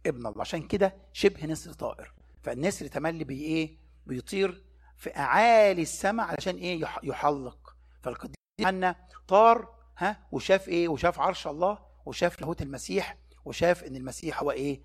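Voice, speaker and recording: Rapid, husky Egyptian preacher man. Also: on the high side, animated. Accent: Egyptian Arabic. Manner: keeps asking rhetorical questions and answering them. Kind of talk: Bible study sermon.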